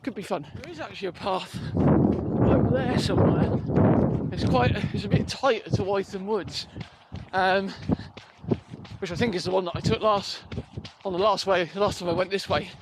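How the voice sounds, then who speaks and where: Out on a rural riverside path, a British runner chats unscripted to his handheld phone or recorder, thinking aloud in a rambling, hesitant way. His voice sits high at normal speed, and the moving recording is noisy with clicks.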